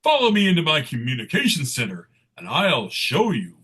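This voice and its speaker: A man playing a jolly, take-charge Santa Claus in a live comic book read, theatrical and raspy. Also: fairly high pitch, wildly swooping pitch, moderate pace, pushed and bright, heavily acted. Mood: folksy, boastful. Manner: theatrical, declamatory. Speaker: performer in a dramatic comic book table read.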